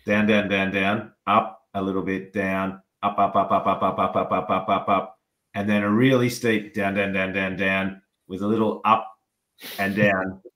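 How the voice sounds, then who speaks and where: A man's voice: low voice, level tone, normal speed, fairly bright tone. A man co-hosting a casual chat, chiming in with dry, matter-of-fact remarks. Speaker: podcast co-host. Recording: echoey room.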